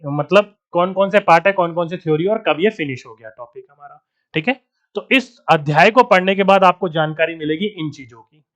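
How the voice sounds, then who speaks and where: Brief: a man as a high-pitched Hindi coaching teacher with a faint Bihari accent, quizzing his class as he goes. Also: a bit bright. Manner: addresses students as friends, asks and answers his own questions. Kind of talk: online exam-prep lecture.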